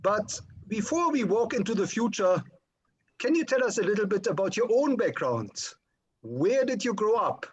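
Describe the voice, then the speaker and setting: A man hosting an interview, asking polite, measured questions. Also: high-pitched, sing-song, slightly rough. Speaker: interviewer, host.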